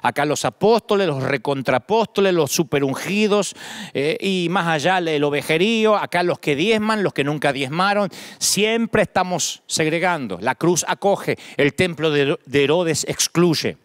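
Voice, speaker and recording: Emphatic Argentine preacher, high voice. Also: male voice, lively intonation, measured pace, no echo, studio quality. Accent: Argentine Spanish. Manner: emphatic preaching, builds lists with rising repetition. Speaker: pastor. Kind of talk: sermon.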